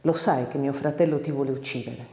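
Woman voicing an ardent young servant girl, plaintive, low dark voice, echoey room. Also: fairly even intonation, brisk. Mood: pleading. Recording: roomy reverberant room.

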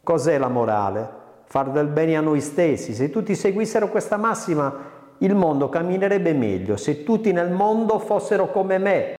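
A man's voice: on the high side, lively intonation, moderate pace, darkish tone, voice pushed up, lightly acted. Guy doing a boastful monocled bachelor, smug and pompous, echoey room. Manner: pompous and self-satisfied.

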